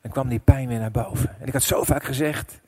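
A middle-aged man preaching a sermon as pastor, telling a personal story with emotion, dropping to a hush and then rising loud. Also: mid-range voice, steady tone, a little fast. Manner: emotional storytelling, swinging between hushed and loud.

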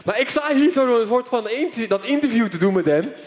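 A man preacher telling a story in an animated sermon, full of fillers, before a church audience. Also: extremely high pitch, fairly quick, noisy background. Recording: long hall reverb.

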